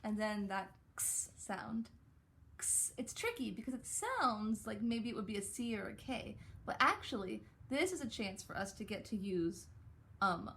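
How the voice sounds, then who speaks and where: A young adult woman teaching a writing lesson to young children, gently coaxing and sounding out words slowly. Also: mid-range voice, slight background noise.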